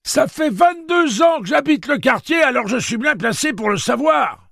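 A wary, half-senile old man from a storybook reading shouts in a high, strained voice. He sounds cantankerous and suspicious. The voice stays dry and close. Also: lively intonation, normal speed, gravelly, no echo, full character voice. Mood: shouting.

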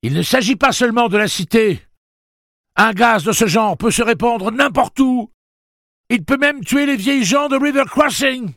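A man voicing a frightened boy who shouts urgently. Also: very high-pitched, normal speed, no room sound, studio quality, voice pushed up. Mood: pleading.

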